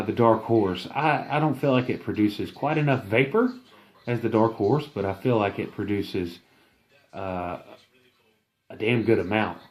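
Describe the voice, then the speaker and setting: A man giving a casual, rambling product review, enthusiastic but halting and full of fillers. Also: on the low side.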